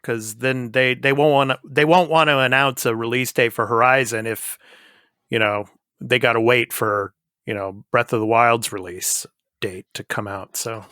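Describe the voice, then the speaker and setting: A man in his fifties chats as host of a gaming podcast. His voice is bright and forward, recorded dry and close. He is laid-back and laughs easily. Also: medium pitch, steady tone, moderate pace, smooth, no echo. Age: 50s. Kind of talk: casual chat.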